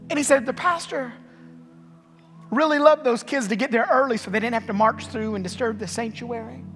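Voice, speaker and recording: A man's voice: very high-pitched, a little fast, a bit bright. Male pastor, storytelling sermon, fervent refrains, reverberant sanctuary, music bed. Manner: storytelling preacher, building to fervent repeated refrains. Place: empty church sanctuary. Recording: long hall reverb with music behind.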